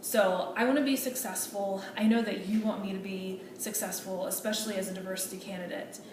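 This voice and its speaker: A woman's voice: mid-range voice, fairly even intonation, brisk, lightly acted. A woman playing a hesitant, earnest medical student. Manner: polite, hesitant, with many fillers and restarts. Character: earnest female medical student pleading for accommodations. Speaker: student in a meeting role-play. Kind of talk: role-play meeting. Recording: echoey room, distant mic, noisy.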